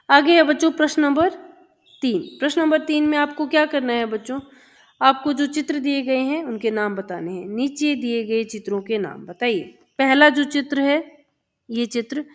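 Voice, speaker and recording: A woman teacher explaining a children's textbook lesson, patiently repeating words and sounds for young pupils. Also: sits high.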